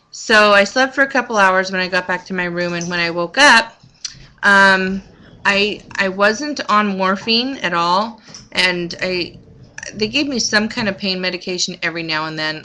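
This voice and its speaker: A woman talking casually in a personal vlog, haltingly rephrasing herself as she goes. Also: lowish voice, sharp tone. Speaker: vlogger recounting her recovery from surgery.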